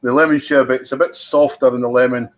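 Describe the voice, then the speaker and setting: A man's voice: medium pitch, steady tone, quick pace. A Scottish man hosting a whisky tasting, talking in a chatty, teasing way and savouring his descriptions. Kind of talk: casual tasting commentary.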